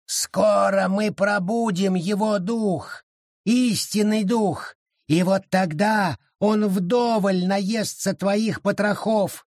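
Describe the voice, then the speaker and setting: A man voicing a small, hostile wild forest creature that growls and shouts spiteful threats in an audiobook. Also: high voice, steady tone, slow pace, no echo, studio quality, pitched above the performer's own voice. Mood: menacing. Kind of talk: audiobook character voice.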